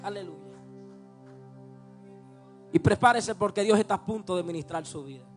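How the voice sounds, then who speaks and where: A man preacher telling a testimony in a sermon, building from quiet storytelling to fervent shouted preaching. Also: sits high, moderate pace, faint music behind.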